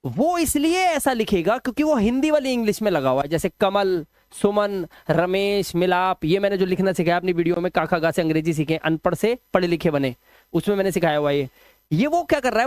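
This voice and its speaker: A man's voice: high-pitched, darkish tone, no room sound, clean studio sound. A male English teacher running a phonics lesson, drilling pronunciation rules and scolding his students.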